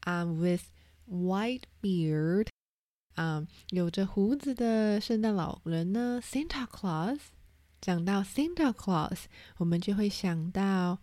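Slow, mellow-voiced woman teaching vocabulary. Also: medium pitch, no echo. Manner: spells words letter by letter, repeats terms. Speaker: English teacher. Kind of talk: vocabulary lesson.

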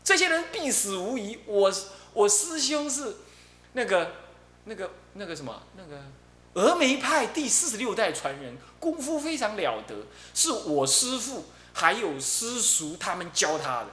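A man's voice: sits high, very animated, unhurried, pushed and bright, voice pushed up, heavily acted. A man voicing a boastful, fiery woman qigong master who scolds and curses, recorded in an echoey room. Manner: scolding, cursing at the air. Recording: echoey room, faint hum.

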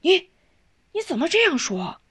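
An earnest older man talks things through with steady patience, as a woman narrator reads him. His voice swings freely up and down while he reasons. It is told as a spoken storybook. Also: mid-range voice, moderate pace, husky. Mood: startled.

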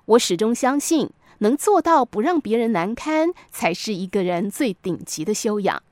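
A woman hosts a podcast, reading a scripted, reflective essay like a measured storyteller with a moralizing bent. Her voice sits in the mid-range and is very animated, with no echo.

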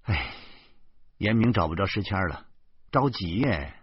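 A man reading as a middle-aged wife who speaks curtly and coldly, in a husky, lively voice. The sound is dry and a bit dull. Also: deep voice, moderate pace, no room sound, full character voice. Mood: grumbling. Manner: curt, cold.

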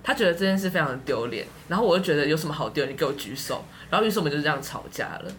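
Here a woman guest on a podcast rattles off a story in a deep voice, her Taiwanese Mandarin accent clear. The chat is casual and full of laughter, she narrates with lively energy, and slight noise sits in the background.

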